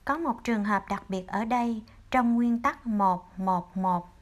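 A woman with a Vietnamese accent teaching an English grammar lesson to children, patiently spelling out example words. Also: medium pitch. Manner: calls herself teacher, addresses pupils as children, drawn-out example words.

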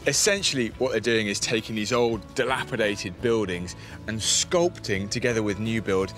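A man's voice: fairly low pitch, moderate pace, fairly bright tone, faint music behind. A man in his thirties presenting a TV show, asking eager questions and summing up with enthusiasm. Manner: inquisitive, enthusiastic. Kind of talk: presenting and interviewing. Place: building site and show flat.

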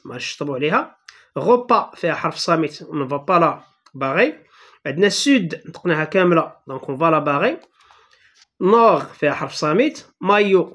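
A teacher with a Moroccan Arabic accent who explains a primary-school French lesson patiently and step by step, reading French words slowly and then explaining them at a quick clip. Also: mid-range voice.

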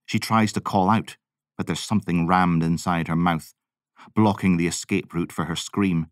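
Deep-voiced male narrator. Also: fairly even intonation, normal speed, no echo, clean studio sound. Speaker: voice-over artist and audiobook narrator. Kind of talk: dramatic scripted narration.

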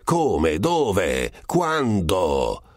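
A man voicing a choleric middle-aged monk who shouts and sputters insults, read as an audiobook character. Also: fairly low pitch, sing-song, measured pace, no echo, clean studio sound, voice pushed up. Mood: furious.

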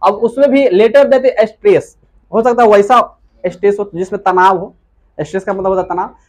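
Speaking in a high voice with fairly even intonation, a man gives a classroom-style grammar lecture on English, asking and answering his own questions and slowly going back over key words.

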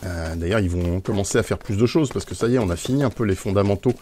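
A man streams Minecraft in a fast, dark-toned voice on the low side, with slight noise behind him. His offhand commentary meanders, full of "euh" fillers and chuckled asides.

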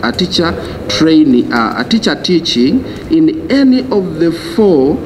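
Man at a committee desk mic, emphatic and halting, noisy room. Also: a little high, very animated. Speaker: association chairperson petitioning. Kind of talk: formal address to a committee. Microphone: desk microphone.

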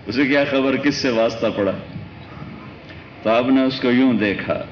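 Guy preaching, emotional storytelling sermon, goes loud then soft, mid voice. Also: medium pitch, highs cut off, background noise. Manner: emotive, dramatic swings between loud and soft.

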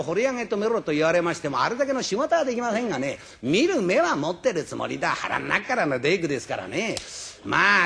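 A rakugo storyteller voicing a brisk young carpenter who talks quick and frank. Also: male voice, high voice, vocal fry, a bit bright, heavily acted. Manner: quick and chatty.

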